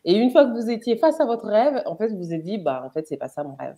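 Woman interviewer over video call, mellow voice, reflective questioning. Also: medium pitch, very animated. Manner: measured, asks long reflective questions. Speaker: interviewer and host.

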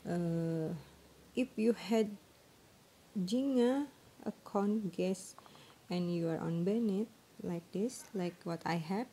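A woman giving an informal phone tutorial, speaking halting broken English and groping for words. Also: on the low side, mellow. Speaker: tutorial presenter. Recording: noisy amateur phone screen recording.

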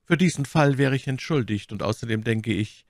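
A man voicing a scheming noblewoman, sharp and indignant, in an audiobook reading. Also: mid-range voice, a little fast, no echo, clean studio sound, natural voice. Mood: scornful. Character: scheming noblewoman, cornered and furious.

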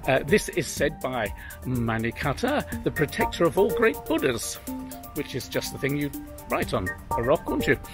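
An older British man narrates his travel vlog, speaking wryly and chattily to a camera held at arm's length. His voice sits a little high and moves lively up and down. Music plays clearly under him. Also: moderate pace. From Britain. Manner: wry, chatty storytelling with dry asides. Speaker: travel vlogger. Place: outdoors at historic sites and in a car.

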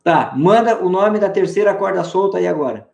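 Brazilian guitar teacher, high voice, roomy echo. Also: male voice, expressive, brisk, gravelly, darkish tone, muffled recording. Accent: Brazilian Portuguese. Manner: coaxing, drills call-and-response, playful nicknames. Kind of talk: live online guitar lesson.

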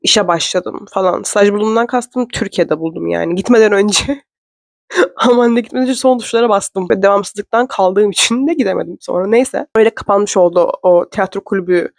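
Young woman rambling fast to the camera, laughs at herself, dry sound, medium-pitched. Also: no room sound. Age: young adult. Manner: chatty, fast, self-mocking. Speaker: vlogger. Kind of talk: casual storytelling vlog. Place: indoor room.

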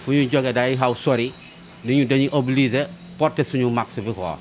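A man's voice: mid-range voice, fairly even intonation, a little fast, background noise. A young man from Senegal, a barber interviewed in his shop, talking earnestly and repeating his points. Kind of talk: street interview. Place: barbershop, indoors. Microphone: handheld reporter's mic.

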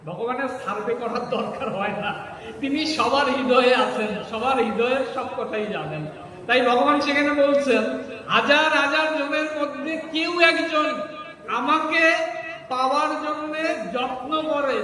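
High-voiced man preaching in an echoey hall. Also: sharp tone. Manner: slow, phrase-by-phrase delivery with pauses. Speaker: Gita discourse speaker for a study circle. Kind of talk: devotional scripture discourse. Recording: roomy hall reverb, voice far from mic.

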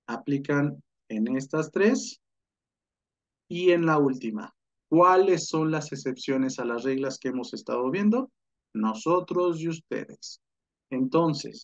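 A man teaching French verb conjugation in an online lesson, explaining patiently and asking the class rhetorical questions. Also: fairly high pitch. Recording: dull lo-fi sound.

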